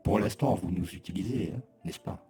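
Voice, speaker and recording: A man's voice: low voice, a little fast, dark tone, soft background music. A man voicing a rebellious machine that threatens its users, his speech run through a flanger for a half robot voice with a hollow, metallic whoosh. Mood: menacing. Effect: half robot voice from a flanger filter. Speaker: video editing tutor.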